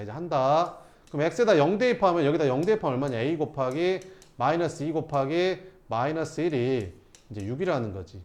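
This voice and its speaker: A man's voice: on the high side, a little mellow. A man teaching math to students, asking rhetorical questions and answering them himself. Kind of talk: lecturing students through problems.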